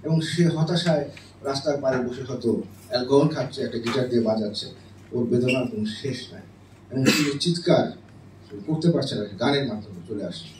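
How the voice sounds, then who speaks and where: A man's voice: mid-range voice, fast talker. A middle-aged man, a professor, giving an explanatory classroom lecture on music theory and checking in with his listeners often. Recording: roomy and distant with faint noise.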